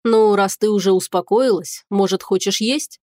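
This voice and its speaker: A woman voicing an arrogant, cynical male dragon shapeshifter in an audiobook, speaking low and curt. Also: moderate pace, a little mellow, no echo, studio quality, close to an everyday voice. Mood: calm.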